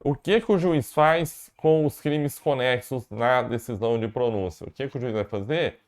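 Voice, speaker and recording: A man delivering a recorded law lecture in a mid-pitched voice. He explains step by step and slows down to repeat the key phrases. His tone is that of a patient teacher. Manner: explanatory, repeats key points slowly for emphasis. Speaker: law professor.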